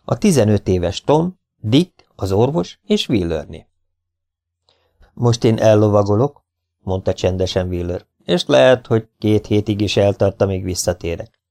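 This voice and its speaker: A man's voice: lively intonation, gravelly, dark tone. A man reading a novel aloud as an audiobook narrator, lifting his voice for the characters' lines. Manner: shifts pitch for characters' quoted lines. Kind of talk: storybook narration with voiced dialogue.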